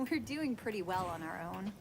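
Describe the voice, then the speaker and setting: A woman's voice: mid-range voice, animated, moderate pace, over a noisy crowd, natural voice. A woman voicing a studious young know-it-all character in a video game, with an eager, self-satisfied manner. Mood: smug.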